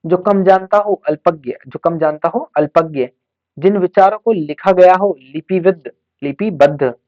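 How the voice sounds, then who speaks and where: A man's voice: high-pitched, dry recording, dull audio. A male teacher giving an exam coaching lesson, who explains each word, repeats the answers and asks and answers his own questions. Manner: mixes English terms into Hindi.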